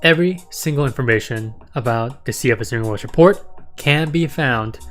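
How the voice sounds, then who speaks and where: Chatting casually as host of a stock market livestream, this man has a raspy, sore, medium-pitched voice with a fairly bright tone, and he speaks fairly quickly. He rambles, repeats words, and often tags "right?" and "okay?", with faint music behind him.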